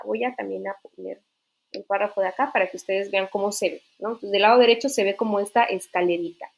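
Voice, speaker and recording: A woman teacher explaining writing rules in an online literature class, patient, often checking that students follow. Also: medium pitch. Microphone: computer mic in an online class.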